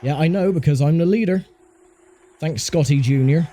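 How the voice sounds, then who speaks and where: Mellow-voiced man doing casual gameplay commentary. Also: a little high, moderate pace. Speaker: gaming commentator playing a racing game. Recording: faint car engine noise behind voice. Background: racing game engine sound.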